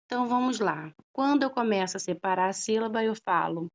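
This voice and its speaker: A woman's voice: medium pitch, expressive, fairly quick. A woman teacher explaining a grammar lesson patiently, stretching out syllables and checking in often with her students. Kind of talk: slow classroom explanation. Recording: dull lo-fi recording.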